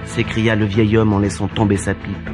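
A man's voice: on the low side, level tone, moderate pace, over music. A man narrating a scripted storybook tale in French as the narrator.

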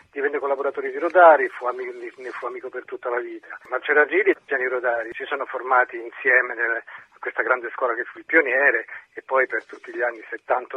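A man's voice: mid-range voice, husky, dry recording. Man on a tinny phone line. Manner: halting, with restarts and fillers. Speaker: guest, publisher. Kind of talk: interview recollection.

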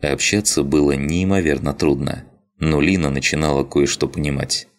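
A male audiobook reader with an extremely low voice. He narrates the story in a steady, even manner, keeping an unhurried storytelling flow. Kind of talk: scripted narration.

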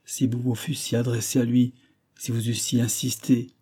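A young noblewoman pleading passionately with a king, as a male audiobook reader gives her voice. The tone is dark and low in brightness, with a husky grain. Her lines come out impassioned in this storybook reading. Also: little pitch movement, normal speed, lightly acted.

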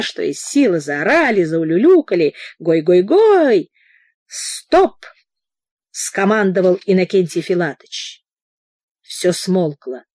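A woman narrating a novel aloud in an expressive way, giving the characters voices of their own. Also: medium pitch, dry recording, clean studio sound. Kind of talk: audiobook narration, reading a novel.

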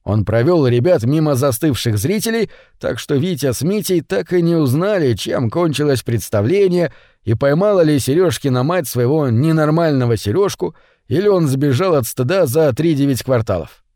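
A man narrating a children's story audiobook in an expressive storytelling manner. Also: on the high side, moderate pace, dry recording, studio quality.

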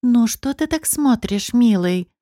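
A woman voicing a scheming young beauty who talks in a sweet, teasing way that turns sharp. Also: a little high, lively intonation, unhurried, dry recording, studio quality. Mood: sugary teasing.

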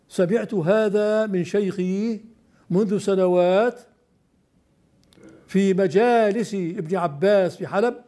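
A man's voice: high-pitched, mellow. An older man teaching classical Arabic poetry, explaining step by step and questioning his student.

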